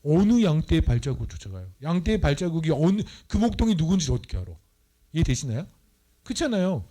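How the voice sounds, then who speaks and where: A man's voice: a little high, big pitch swings, fast, mellow. Man preaching, playful and teasing. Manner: playful, teasing the audience, acts out voices. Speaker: missionary preacher. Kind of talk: lively Bible study sermon. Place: church.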